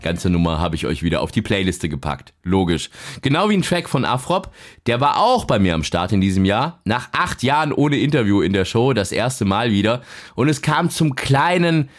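A man's voice: lowish voice, big pitch swings, moderate pace. A man in his thirties hosting a music podcast and radio show, chatting casually and joking. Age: 30s. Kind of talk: casual podcast narration and chat.

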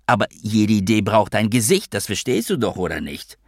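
A man's voice: on the low side, very animated, normal speed, no echo, studio quality. Man doing a taunting male blackmailer. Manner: taunting, crude and theatrical. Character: scheming, mocking male blackmailer. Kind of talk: audiobook reading.

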